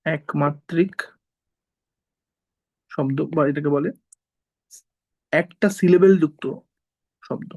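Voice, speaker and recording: A man teaches an informal class step by step, often pausing with "ঠিক আছে?" to check students are following. His gravelly voice has a fry, sits a little above typical male pitch, and sounds darkish on a muffled recording.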